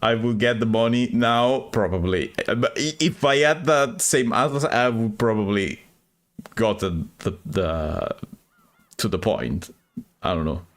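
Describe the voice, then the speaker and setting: A man's voice: lowish voice, a little slow. A man chatting casually while playing a story game, hesitant and puzzled, often restarting and laughing. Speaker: streamer playing a visual novel. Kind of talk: casual chat.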